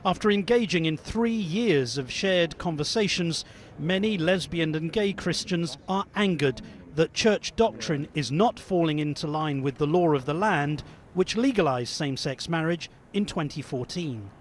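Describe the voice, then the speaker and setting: A man, a religious affairs correspondent, narrating a scripted news report in a measured, formal way. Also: on the high side, animated.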